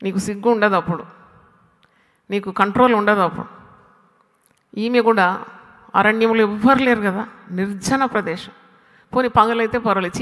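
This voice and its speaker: Bright-voiced woman preaching in a reverberant hall. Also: medium pitch. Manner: animated preaching with rhetorical questions; mixes in English phrases. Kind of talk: sermon.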